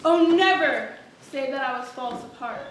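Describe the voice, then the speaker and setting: A woman reciting a sonnet deliberately, as a contestant in a recitation. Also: high voice, a little hiss or hum. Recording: very echoey hall.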